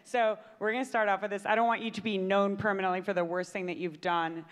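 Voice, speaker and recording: A woman's voice: medium pitch, steady tone, quick pace, big-room sound. A woman moderating an on-stage panel conversation, upbeat and chatty as she prompts her guests with questions. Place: conference stage.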